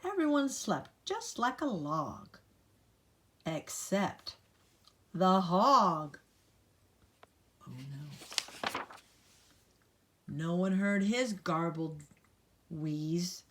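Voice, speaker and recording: With slight background noise, a grandmother reads a picture book very slowly to young children, her lowish, fairly bright voice swinging widely in pitch and leaving long pauses. She keeps it playful and sing-song, dramatizing lists and speaking directly to the listeners in chatty asides.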